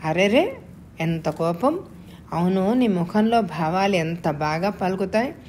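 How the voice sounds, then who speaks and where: A woman's voice: lowish voice, animated, slow pace, darkish tone, a little hiss or hum. Woman reading as a teasing, self-assured rich man.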